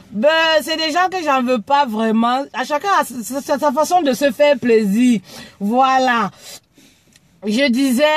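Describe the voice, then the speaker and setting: Woman, from Cameroon, live stream host, frank, stammers and repeats words, high voice. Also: no echo. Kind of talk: casual live video talk.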